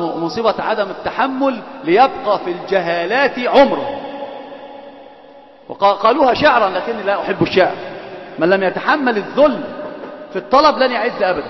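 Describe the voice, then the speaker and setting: A man teaching an Islamic lesson, switching between classical and colloquial speech and teasing and quizzing his students. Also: high voice. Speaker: religious teacher. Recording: echoey hall, dull lo-fi sound.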